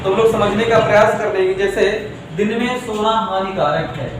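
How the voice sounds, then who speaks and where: A man teaching English grammar in a classroom lesson, slowly repeating phrases word by word and mixing English into his explanations. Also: high-pitched. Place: classroom with a board. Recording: echoey room, mic far off, faint noise.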